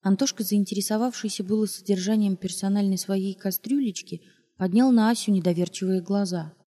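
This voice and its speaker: A woman reading a novel aloud as an audiobook, expressive and acting out the dialogue. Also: mid-range voice, fairly quick. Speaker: audiobook narrator.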